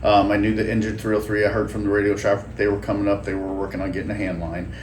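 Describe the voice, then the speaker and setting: Fire chief type guy walking thru a call methodically, lowish voice, echoey room. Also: level tone, quick pace. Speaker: fire incident commander. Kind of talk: recounting an incident response. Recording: echoey room with faint noise.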